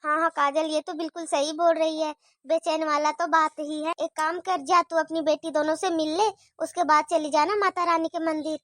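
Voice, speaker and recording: A woman's voice: high-pitched, flat delivery, moderate pace, fairly bright tone, no echo, clean studio sound, voice pushed down. A woman voicing a kindly, bossy employer woman in a cartoon story, soothing and lightly scolding. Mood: reassuring.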